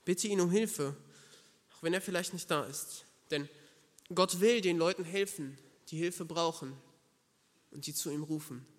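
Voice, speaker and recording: A man's voice: on the high side, unhurried, long reverb tail. A man preaching a sermon, earnest and emphatic, speaking directly to the listener.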